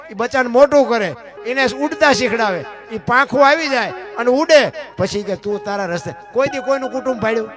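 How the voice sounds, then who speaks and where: A man, a folk storyteller giving a sermon-like talk to a live audience, often asking his listeners rhetorical questions and quoting folk verse. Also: sits high. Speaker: folk storyteller speaking at a dayro.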